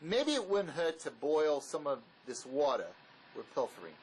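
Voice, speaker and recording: Playing a pragmatic ex-convict on the run in an audio drama, a man speaks in a matter-of-fact mood, terse, bossy and dismissive. His voice sits on the high side with a darkish tone, very animated and at a moderate pace, its intonation swinging widely over poor audio with faint background noise.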